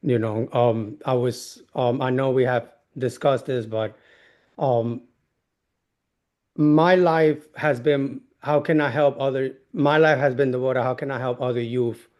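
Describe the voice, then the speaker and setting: A man from New York with a Dominican accent, a guest in an interview, speaking earnestly with halting restarts. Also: medium pitch, steady tone, darkish tone. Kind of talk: interview conversation.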